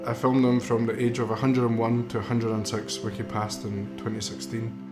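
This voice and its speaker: A young man in his twenties, a filmmaker who grew up in Mexico, speaks flatly at a moderate pace and medium pitch while telling his grandfather's story. His documentary narration is earnest and reflective with some fillers, and music plays under the roomy recording.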